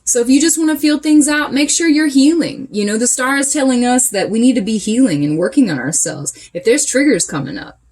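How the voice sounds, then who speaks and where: A woman's voice: high-pitched, lively intonation, fairly quick, few pauses, darkish tone. Chatty woman giving a tarot reading. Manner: chatty, emphatic, coaching tone. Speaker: tarot reader. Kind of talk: casual channeled tarot reading.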